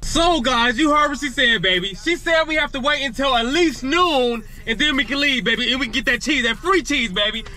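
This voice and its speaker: A man's voice: very high voice, fairly quick, hardly any pauses, sharp tone. A man in his thirties vlogging his gig deliveries from inside his car, hyping himself up with little rhymes and calling everyone baby. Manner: hypes rhymes, keeps saying baby. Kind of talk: casual ride-along vlog. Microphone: dash camera facing driver.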